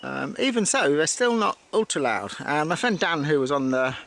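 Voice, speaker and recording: A man's voice: on the high side, sing-song, normal speed, creaky, fairly bright tone. A man from the United Kingdom casually talking to camera while riding a bike on an outdoor path, rambling with fillers and restarts. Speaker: cycling vlogger. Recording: outdoor wind and road noise.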